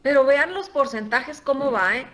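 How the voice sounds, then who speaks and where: A woman presenting a workshop, speaking lively and chatty to her audience and laughing often. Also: high voice, moderate pace. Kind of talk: live seminar talk to a group.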